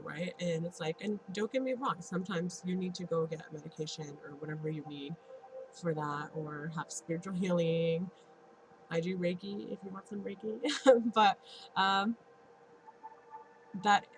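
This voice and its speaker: In a low voice over poor audio, a woman in her thirties with a blocked nose offers casual motivational encouragement to her vlog audience, speaking earnestly and laughing often between thoughts; she's a vlogger who practices Reiki.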